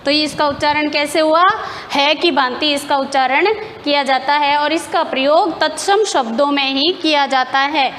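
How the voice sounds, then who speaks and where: High-voiced woman teaching grammar, echoey. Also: steady tone, normal speed, a bit bright, slight background noise. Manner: explains step by step, asks and answers her own questions. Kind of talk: classroom lesson.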